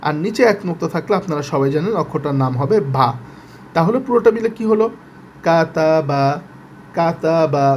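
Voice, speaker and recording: High-voiced patient male reading teacher. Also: slight background noise. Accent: Bangladeshi Bengali. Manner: patient, repeats letters slowly and drills syllables. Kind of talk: step-by-step reading lesson.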